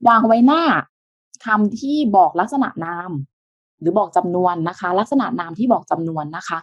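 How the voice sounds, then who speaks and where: A woman teaching an online language lesson, explaining step by step in a patient way with soft, polite sentence endings. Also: mid-range voice, lively intonation, normal speed, dry recording, lo-fi sound.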